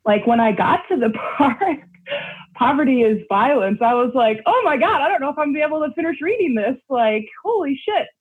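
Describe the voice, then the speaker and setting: Over a tinny phone-like connection, a young adult with a high, expressive voice reads a poem fairly quickly and then talks about it. As poet and guest, they ramble loosely, leaning heavily on fillers.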